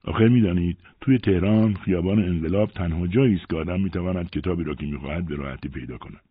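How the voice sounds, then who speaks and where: A man narrating a first-person story aloud with an expressive storytelling delivery. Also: low-pitched, breathy edge. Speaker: audiobook narrator. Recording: dry, phone-like narrow sound.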